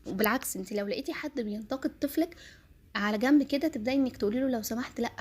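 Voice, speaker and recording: An Egyptian woman gives earnest parenting advice straight to mothers at a quick clip. Her voice sits a bit high and has a husky, breathy edge. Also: a little mellow. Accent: Egyptian Arabic. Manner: earnest, advising, addresses mothers directly.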